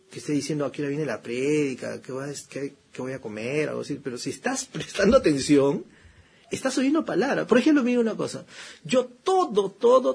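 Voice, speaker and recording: A man's voice: sits high, creaky, a little mellow, slightly rough. A man preaching a conversational sermon as a pastor, often tossing in rhetorical questions. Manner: chatty, repeats phrases, frequent rhetorical "¿no?" asides; fervent prayer voice, slow and emphatic.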